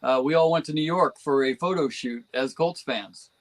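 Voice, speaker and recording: A man's voice: fairly high pitch, normal speed, low-quality recording. A man from New Jersey chatting as a guest on a fan podcast, enthusiastic and rambling, with frequent chuckles. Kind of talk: casual podcast chat.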